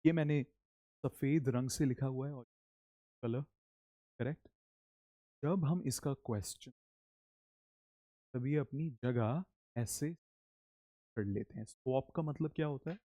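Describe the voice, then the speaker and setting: A man teaching English in Hindi, leading slow, animated repeat-after-me drills. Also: medium pitch, dry recording, clean studio sound. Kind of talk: spoken English lesson in Hindi.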